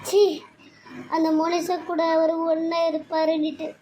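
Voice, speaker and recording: A woman's voice: very high-pitched, completely flat delivery, measured pace, darkish tone, slight background noise. A woman voicing a betrayed young wife in a cartoon serial, grieving and bitter. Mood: tearful. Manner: grieving, pleading, then bitter. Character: young wife, betrayed and tearful, turning vengeful. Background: music.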